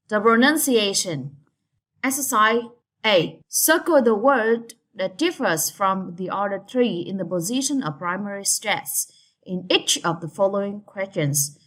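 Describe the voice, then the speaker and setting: Slow-speaking woman English teacher. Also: mid-range voice, a bit bright. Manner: slow, drawn-out model words for repeating. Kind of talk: bilingual classroom lesson.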